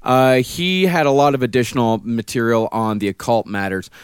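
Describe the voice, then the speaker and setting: A man co-hosting a comedy podcast, presenting his research and citing sources in a measured way. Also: mid-range voice, smooth, dry recording, clean studio sound. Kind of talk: casual chat, presenting research.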